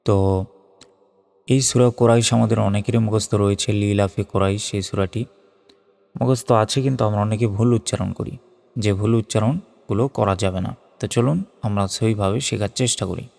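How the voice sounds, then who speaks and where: A man teaching Quran recitation who spells out each letter and vowel mark, then chants the words slowly. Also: fairly low pitch, fairly even intonation, gravelly, darkish tone. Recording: long hall reverb with faint music.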